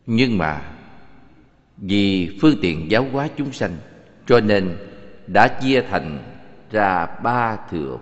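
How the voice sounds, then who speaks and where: A man with a voice on the low side plays a serene, authoritative Buddha in an animated scripture film. He teaches in a measured, solemn way. The recording is muffled and has a long, cavernous reverb.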